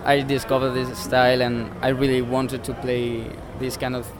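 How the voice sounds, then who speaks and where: Speaking in a mid-range monotone at a normal speed, this Spanish man in his twenties is being interviewed outside about his work as a jazz pianist. His answers come haltingly in basic English over background crowd noise.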